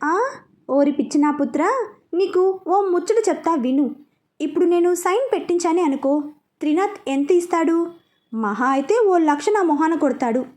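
A woman's voice: very high voice, expressive, normal speed, darkish tone. A woman voicing a swaggering male gangster who taunts and threatens in a boastful manner. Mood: scornful.

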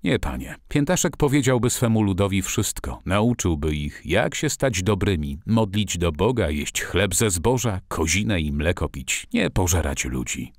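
An earnest young island man speaks in plain, broken phrases, given voice by a man reading a storybook. His voice sits low and moves with a lively lilt. The sound is close and dry. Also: moderate pace, no echo.

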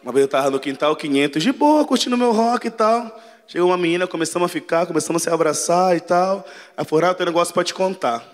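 A man's voice: high voice, fast talker. A man from Pará doing a crude, brash stand-up comedy set on a large theater stage, acting out the voices of people in his stories. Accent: Pará Brazilian Portuguese. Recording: live theater hall with crowd laughter.

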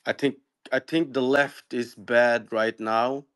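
A man's voice: medium pitch, fairly even intonation, slow pace, fairly bright tone, clean tone. A man from the Philippines calling into a live online talk room, speaking bluntly and swearing freely as he gives his opinions. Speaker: caller. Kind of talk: casual call-in talk.

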